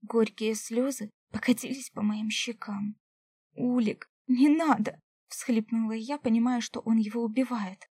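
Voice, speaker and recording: Mellow, dry woman narrating an audiobook. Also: on the high side, flat delivery, normal speed, slightly rough, dry recording. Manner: emotional, dropping to whispers. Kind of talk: first-person audiobook narration.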